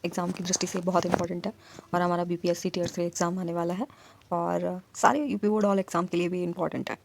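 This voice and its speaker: A woman teaching an exam-prep grammar lesson, putting questions to the class and answering them herself, and reciting letter sounds in slow lists. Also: fairly low pitch, little pitch movement, vocal fry, slight background noise.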